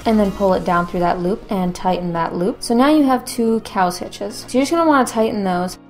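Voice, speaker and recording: A woman's voice: mid-range voice, a little fast, darkish tone. Casual woman hosting a craft tutorial over music. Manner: informal, conversational. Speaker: tutorial host.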